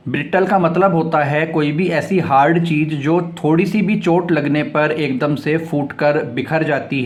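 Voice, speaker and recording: A man teaching English vocabulary, explaining each word, spelling it out letter by letter and repeating it several times. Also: a little high. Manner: spells words out letter by letter and reads example sentences slowly. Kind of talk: vocabulary lesson.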